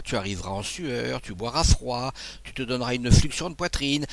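A man's voice: mid-range voice, fairly bright tone. A man reading the part of a confident naval officer who teases his friend and tells his adventures with assurance. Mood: teasing. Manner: assured, teasing, storytelling. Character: confident male naval officer, brisk and teasing. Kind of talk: audiobook dialogue.

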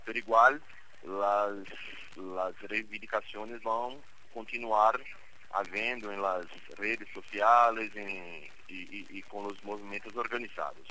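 Bright, forceful Brazilian man, halting non-native speech. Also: on the low side, fairly even intonation, a little hiss or hum, poor audio. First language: Portuguese. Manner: halting, searching for words in non-native Spanish. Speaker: guest journalist. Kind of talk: live radio interview commentary.

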